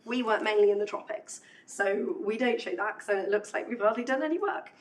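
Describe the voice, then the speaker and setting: A woman's voice: medium pitch, a little fast. A woman giving a technical conference talk while losing her voice, chatty and self-deprecating, with many ums. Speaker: conference speaker. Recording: distant voice with faint hum.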